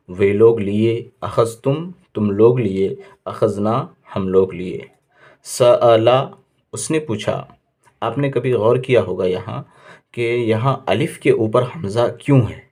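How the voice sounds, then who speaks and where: Brief: low-pitched male teacher drilling verb forms, patient and methodical. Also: dark tone. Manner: patient, repeats each word with its meaning, asks and answers his own questions. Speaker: Arabic grammar teacher. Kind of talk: classroom lesson explanation.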